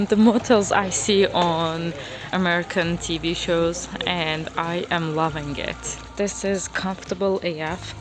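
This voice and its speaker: A woman vlogger chatting casually to the camera at a motel-style lodging by a pool, relaxed and talkative. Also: fairly low pitch, slow pace. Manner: relaxed, chatty, laughing asides. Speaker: travel vlogger. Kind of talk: casual vlog chat to camera.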